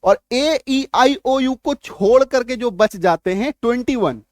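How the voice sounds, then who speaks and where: A man with a high voice teaches English spelling rules in an online class. He keeps checking in with his viewers and spells letters out one at a time. The recording is dry and close, with no room echo. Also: lively intonation, measured pace. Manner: repeats rhetorical checks, spells letters aloud. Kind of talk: online lesson in spoken Hindi.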